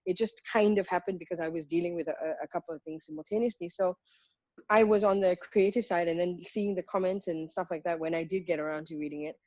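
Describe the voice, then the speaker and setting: A woman's voice: on the low side, fairly even intonation, fast, a little mellow, dry recording. Frank woman, dry dull audio. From Malaysia. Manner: frank, reflective, emphatic with counted points. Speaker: guest singer. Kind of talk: candid conversational interview.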